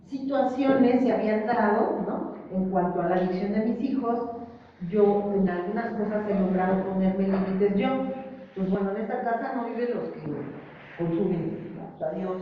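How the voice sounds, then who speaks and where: A middle-aged woman speaks at a support group, sharing her story with emotion and acting out the voices of others. Her voice sits a little high. She is picked up from far off in a large echoing hall, and the sound is muffled. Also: slight background noise. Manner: emotional, acts out other voices, self-mocking. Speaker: group member sharing testimony. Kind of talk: personal testimony at a support group. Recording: echoey hall, distant mic, muffled.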